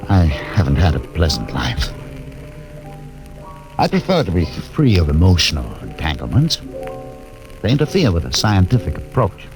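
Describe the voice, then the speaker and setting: A solitary, haunted doctor of science in a vintage radio drama. The voice is deep and formal, moving widely in pitch, with music on the recording. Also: male voice, huge pitch swings, heavily acted, rough recording. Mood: guarded, somber. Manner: formal, measured. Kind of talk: old-time radio drama acting.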